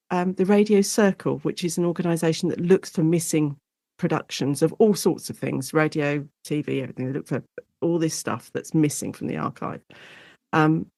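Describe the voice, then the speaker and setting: A British woman, a guest academic specialising in audio drama, explains her research in an enthusiastic, chatty interview. Her voice is fairly low with a darkish tone, and the recording is dry.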